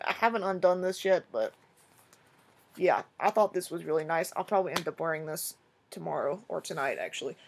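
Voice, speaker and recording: A young woman chatting casually in a rambling, excitable way as she shows off her shopping haul to the camera. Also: lowish voice. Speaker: vlogger. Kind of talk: casual haul video chat.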